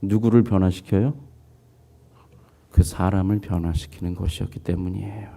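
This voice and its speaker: A man's voice: low-pitched, moderate pace, gravelly. A man preaching a sermon as pastor, telling a story, putting on voices for its people and asking the congregation questions. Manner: lively storytelling, voicing characters, asks congregation questions.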